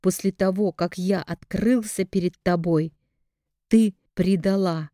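Icy, raging man under accusation, put on by a woman reader; low, dark tone, dry. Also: fairly even intonation, a little slow, dry recording, close to an everyday voice. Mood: enraged. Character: cold, enraged man accused of murder.

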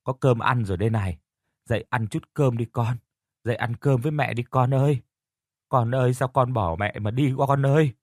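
A man's voice: on the low side, normal speed, darkish tone, no echo, close to an everyday voice. A man voicing a poor, grieving mother who coaxes her children and wails tearfully, recorded close and dry. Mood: wailing. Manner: wailing, coaxing and tearful.

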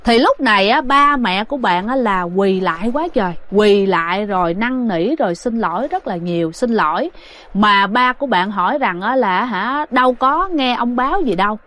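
A woman's voice: mid-range voice, animated, normal speed, a bit bright. A woman casually telling a ghost story, chatting directly to her listeners. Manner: chatty, addresses listeners directly, many fillers.

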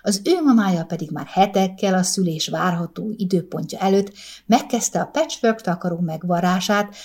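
A woman narrating a short story as an audiobook, in a calm, measured, gentle way. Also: fairly low pitch.

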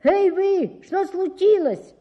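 A woman voicing a cheerful young male chimney sweep who calmly settles a quarrel. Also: medium pitch, a little slow, lo-fi sound, pitched below the performer's own voice. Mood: calling out.

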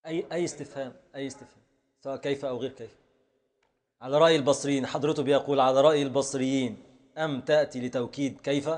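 A man with a mid-range, darkish voice teaches classical Arabic grammar in a classroom lecture. He explains slowly, repeats word forms and answers his students' questions.

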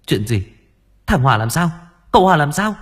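A man's voice: mid-range voice, very animated, brisk, creaky, darkish tone, husky, pitched above the performer's own voice, full character voice. A man reading an audio story voices a proud, curt middle-aged mistress of a wealthy household. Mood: alarmed. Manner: curt, commanding.

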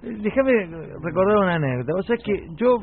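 A man's voice: sits high, very animated, fast talker, vocal fry. Argentine man chatting on the radio. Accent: Rioplatense Spanish. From Buenos Aires, Argentina. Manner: conversational storyteller, reminiscing. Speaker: radio host. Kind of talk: casual radio chat. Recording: tinny radio broadcast.

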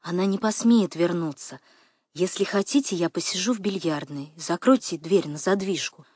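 A woman voicing a shy, guilty young man who speaks gently in a halting voice, recorded dry. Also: lowish voice, slightly rough, no echo.

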